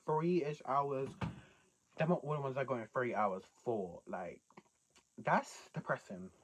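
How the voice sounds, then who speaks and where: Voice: medium pitch, takes it slowly, low-quality recording. A young British adult chatting casually as a video host, reacting to confessions with slangy, incredulous rhetorical questions.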